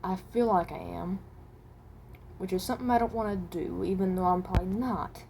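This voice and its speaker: In this improvised amateur audio drama, a woman plays a haunted animatronic with a seventeen-year-old's soul, her slightly low voice steady, brisk, gravelly and a bit mellow. She sounds reluctant and guarded, hesitating, rambling and leaving thoughts unfinished, over a light layer of home-recording noise.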